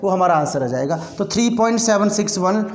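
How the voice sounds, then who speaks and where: A man with a very high voice gives a chemistry lesson, repeating each step for his students. The sound rings around a hard room with a long, echoing tail. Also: expressive, fairly quick, a little mellow. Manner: addresses students as children, repeats steps. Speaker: chemistry teacher. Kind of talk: classroom lecture. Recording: echoey room with long reverb.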